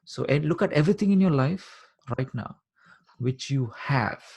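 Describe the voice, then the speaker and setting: A man with a husky, slightly breathy voice leads a live coaching session over a video call. He explains step by step, circles back to repeat his key points, and keeps checking that his listener is following. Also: fairly high pitch, animated, moderate pace, darkish tone. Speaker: life coach.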